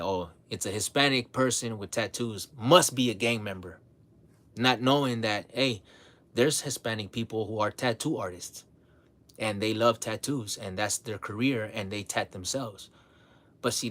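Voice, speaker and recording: A man talking casually to his livestream audience, relaxed and blunt, sprinkling his talk with "man" and "bro", often repeating and restarting his words. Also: fairly low pitch. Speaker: livestream host.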